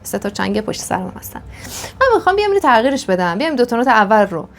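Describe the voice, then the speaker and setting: Woman teaching violin, fairly high voice. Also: sing-song. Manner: patient, methodical, with frequent fillers. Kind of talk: instructional explanation. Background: violin playing.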